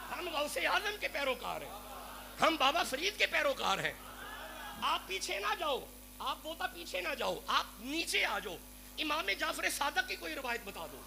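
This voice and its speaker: A Punjabi-accented Pakistani man delivers a fervent sermon, pleading with his listeners. His voice sits high and gravelly. The live recording is noisy with a steady hum. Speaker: Sufi preacher. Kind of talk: devotional sermon to a gathering.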